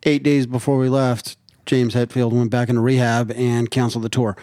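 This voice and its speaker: Male podcast guest, lively profane storyteller, mid pitch, dry close sound. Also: moderate pace, no echo. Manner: animated, profane, jokey storyteller. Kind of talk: casual storytelling.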